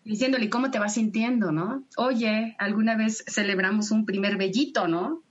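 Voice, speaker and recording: A woman, a podcast guest explaining sex education in an animated way and laughing often. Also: medium pitch, moderate pace, a little hiss or hum. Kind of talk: podcast conversation. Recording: dull lo-fi sound.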